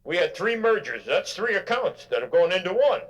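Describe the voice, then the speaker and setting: A whiny, squeaky griping office worker. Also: male voice, big pitch swings, normal speed. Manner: complaining, high-pitched and strained.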